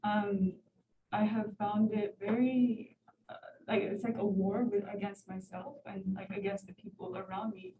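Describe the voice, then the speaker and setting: A woman in her twenties from Ethiopia, an audience member at a university event, haltingly poses a question, restarting and using many fillers. Her medium-pitched voice stays fairly level at a measured pace. The audio is narrow and tinny with crowd noise, captured far from the mic in a roomy lecture hall.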